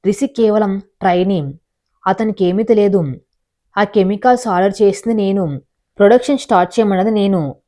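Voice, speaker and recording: A woman's voice: mid-range voice, moderate pace, mellow, natural voice. A woman voicing a firm, protective elder brother who runs a company, in a read-aloud story. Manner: firm, commanding.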